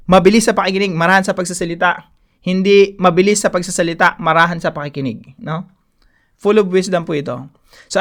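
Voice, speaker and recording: A man's voice: sits high, fairly bright tone. A middle-aged man with a Filipino accent giving a devotional Bible teaching as a pastor, emphatic and repeating key phrases, switching between English and Filipino. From Philippines.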